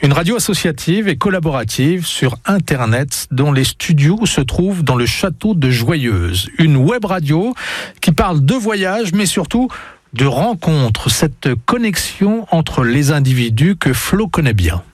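A man narrates a news feature in a lively voice that rises and falls a lot. The recording is dry and close, with no room sound. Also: a little high, husky, no room sound. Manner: lively, measured voice-over delivery. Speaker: reporter.

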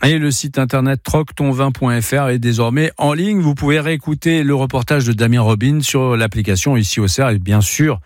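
Male radio newsreader, steady bulletin delivery, dry booth sound. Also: mid-range voice, brisk, few pauses, dry recording. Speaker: radio news presenter. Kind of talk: local radio news reading.

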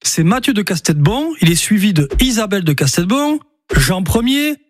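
A man tells a local history chronicle on the radio, his high voice swooping with lively expression. There is a husky grain to it, and soft music runs underneath. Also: normal speed, no room sound, clean studio sound. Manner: chatty, lively storytelling.

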